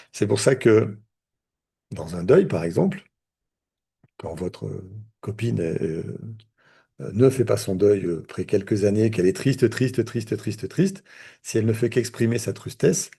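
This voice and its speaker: A man's voice: on the low side, vocal fry, mellow, breathy edge. A man, a therapist, teaching a live online lesson in a conversational way, with many fillers and restarts. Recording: video call audio.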